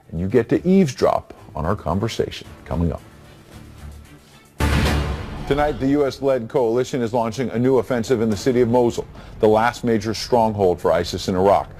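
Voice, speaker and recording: Guy anchoring a cable news show, mellow voice, brisk and a bit wry. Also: fairly low pitch, expressive, soft background music. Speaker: TV news host.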